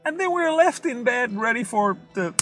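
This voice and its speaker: A young man, a non-native English speaker, giving casual, expressive music commentary to camera and haltingly searching for words as he translates his thoughts. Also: very high-pitched. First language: not English. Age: young adult. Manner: expressive, sings out rhythms in syllables. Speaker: music reaction vlogger. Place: inside a parked car in daylight.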